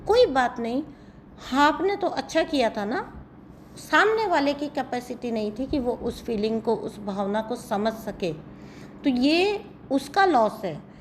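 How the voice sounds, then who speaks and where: A woman tarot reader and healer chatting casually with her viewers, giggling often, her voice starting to go hoarse. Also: sits high, lively intonation, unhurried, a little hiss or hum. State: voice going hoarse.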